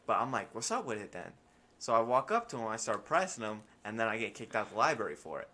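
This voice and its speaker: A young man in casual podcast chat, telling animated stories full of slang and swearing. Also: on the low side, fast talker. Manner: animated storytelling, slangy and profane. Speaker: podcast host.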